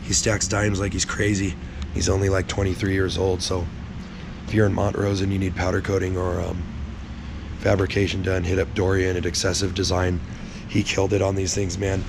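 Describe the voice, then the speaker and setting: A man with a hoarse, raspy, sick-sounding voice, casually explaining a vehicle build in a blunt, sweary way. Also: deep voice, level tone, moderate pace, background noise. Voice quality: raspy, strained, gravelly voice. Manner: blunt, swearing, laid-back. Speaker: host of a truck build vlog.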